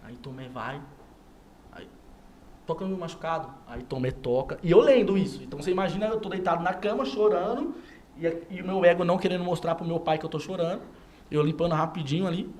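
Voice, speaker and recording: A man tells his story as a studio guest, voice pitched a touch high for a man. He acts out each person's lines as he goes, with a faint hiss behind him. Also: fast, a little mellow. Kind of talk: animated personal testimony.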